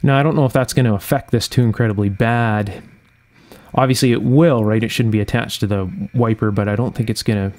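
At his indoor workbench, an electronics repair channel host talks through a repair one step at a time, thinking aloud methodically without a script. His voice is medium in pitch and a little mellow.

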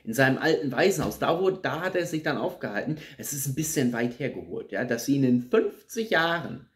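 A man's voice: medium pitch, very animated, brisk. A man in his thirties giving a critical, ranting film review with many fillers and repeated words, seated on a sofa in a small plain room. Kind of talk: casual spoken film review.

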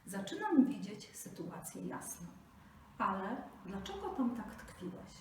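A sly little male jackal plays dumb in a high, fussy, overly polite voice, as a woman reads him in a storybook. The room echoes heavily and the mic sits far off, with faint noise underneath. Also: sing-song, unhurried. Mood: feigning. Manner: high, bright, fussily polite. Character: small sly male jackal feigning stupidity.

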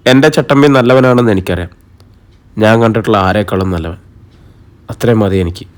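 A man reading an audiobook, voicing a shy, tender young wife in a soft, quiet voice. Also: lowish voice, quick pace, pitched below the performer's own voice, lightly acted.

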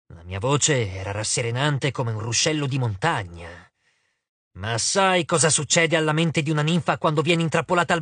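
A man voicing an ancient, bitter female water nymph who speaks slowly and menacingly in an audiobook. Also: on the high side, fairly bright tone, slightly rough, no echo, exaggerated voice. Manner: slow, menacing, honeyed. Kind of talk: audiobook character voice. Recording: dry close studio sound.

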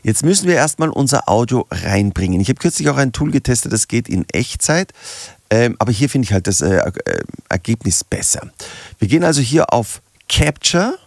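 A German man, a music producer, explaining audio software in a relaxed tutorial. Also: mid-range voice, normal speed, gravelly, dry recording.

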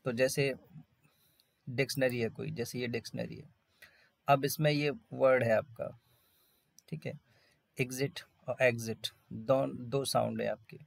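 Male tutor, mid-pitched and gravelly, explains patiently in Hindi and reads English phrases slowly. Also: steady tone, dry recording. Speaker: English teacher. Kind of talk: online vocabulary lesson.

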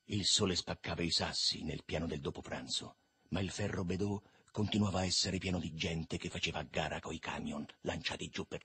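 A man reading a literary novel aloud in a lively, expressive way. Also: sits low, breathy edge. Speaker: reader.

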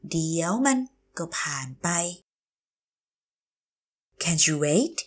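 A woman teacher drilling English phrases slowly, saying each word on its own with careful pronunciation and then explaining them. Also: sits low, expressive, husky. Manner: slow, careful, exaggerated pronunciation. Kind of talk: slow language drill, repeating phrases word by word.

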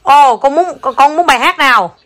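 A young woman, a mother playing at home with her small child, coaxing and chatting quickly and now and then singing soft lullaby lines. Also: high-pitched, background noise. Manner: fast, coaxing talk with soft sung lullaby bits. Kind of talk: casual home chat with a child.

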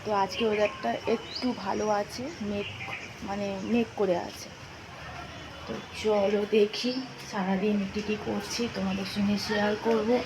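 A young woman chatting directly to viewers in a casual home vlog, now and then scolding the kids loudly. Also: mid-range voice, level tone, measured pace, noisy background. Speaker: family vlogger. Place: family home and kitchen.

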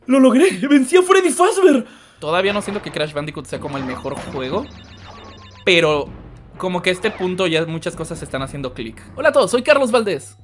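Excitable Mexican streamer, high voice. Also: male voice, fairly quick, a little hiss or hum. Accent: Mexican Spanish. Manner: animated, loud outbursts and mock voices. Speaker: gaming streamer. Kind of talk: comedic storytelling and gameplay commentary.

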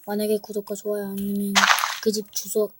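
A woman's voice: mid-range voice, monotone, quick pace, noisy background. A woman casually walking through a game trap, playful and teasing, with jokey mock threats. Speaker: gameplay creator. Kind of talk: casual game walkthrough commentary.

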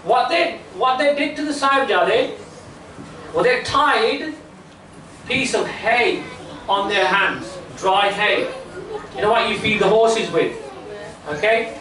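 A man's voice: high voice, takes it slowly, long pauses, pushed and bright. A man teaching children through storytelling, explaining step by step and often checking in with "right?" and "okay?". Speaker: children's religious camp teacher. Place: small indoor classroom full of seated children. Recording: distant, echoey room, faint background noise.

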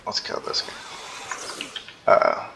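A man's voice: very slow, heavy background noise. A man giving casual, rambling gameplay commentary, tired and yawning, with many ums. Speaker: gaming YouTuber.

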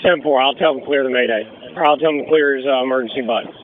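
A man's voice: medium pitch, fast. A man commanding a fire scene in terse, urgent firefighter radio traffic. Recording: muffled band-limited fireground radio.

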